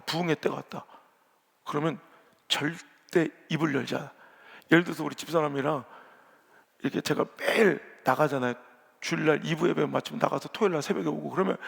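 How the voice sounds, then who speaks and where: A male pastor preaches bluntly and with jokes, his voice high-set, gravelly and husky. He speaks into a stage mic, and his words trail off into the long echo of a large church sanctuary. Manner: blunt, joking, colloquial preaching. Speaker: senior pastor. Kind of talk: revival sermon. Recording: long reverb of a big church hall.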